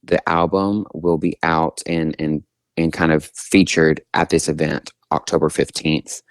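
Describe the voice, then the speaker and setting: Guesting on a radio interview, this twenty-something singer-songwriter from Oklahoma replies casually in an American accent. He has a rumbling low voice with a level tone and an unhurried pace. No room sound is audible.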